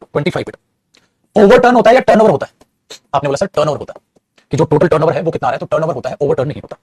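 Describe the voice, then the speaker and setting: Guy teaching english in a classroom, talks super fast, husky voice, keeps calling students kid. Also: on the high side, big pitch swings, a little mellow, dry recording. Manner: explains patiently, calls students "beta" (child) often; lectures with moral advice. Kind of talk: classroom lecture.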